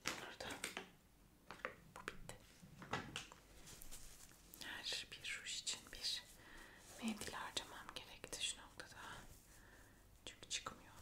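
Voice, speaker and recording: Whispering ASMR woman, slow and soft. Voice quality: breathy whisper with soft mouth sounds. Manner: playful, chatty, talking to viewers. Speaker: ASMR video creator. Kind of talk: soft ASMR whisper, casual chat while trying on lipsticks.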